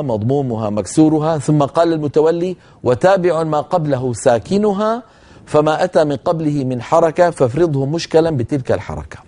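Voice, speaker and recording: A man lecturing on Quran recitation rules, explaining points and demonstrating pronunciation by slowly reciting words to his students. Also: mid-range voice, mellow. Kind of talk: lecture on tajweed.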